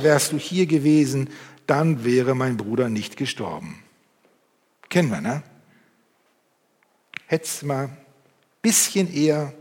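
A man preaching a sermon and reading from the Bible, moving between loud emphasis and hushed, intimate passages. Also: on the high side. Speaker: pastor. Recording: long hall reverb.

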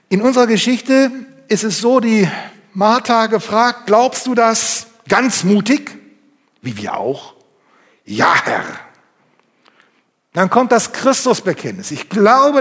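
A man preaching a sermon and reading from the Bible, moving between loud emphasis and hushed, intimate passages. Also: on the high side, breathy edge. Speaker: pastor. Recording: long hall reverb.

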